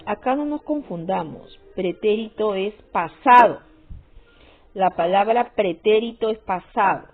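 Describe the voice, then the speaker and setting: Female teacher, slow deliberate delivery, repeats herself, tinny phone-quality recording with faint music. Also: mid-range voice, animated. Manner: repetitive, checks with frequent "¿sí?" and "¿no?". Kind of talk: classroom grammar lesson.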